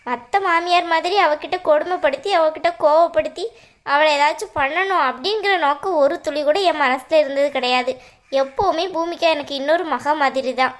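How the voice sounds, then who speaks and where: A woman plays a stern cartoon mother-in-law with a high voice. She lectures and scolds at length in a firm tone. Under the strictness she quietly cares for her daughter-in-law. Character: stern middle-aged mother-in-law, secretly caring. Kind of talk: cartoon voice acting.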